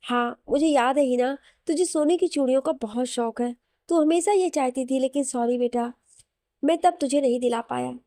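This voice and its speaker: Kind big brother, woman reading, fond and gentle, mellow dry read. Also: sits high, moderate pace, no room sound. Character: loving older brother, man.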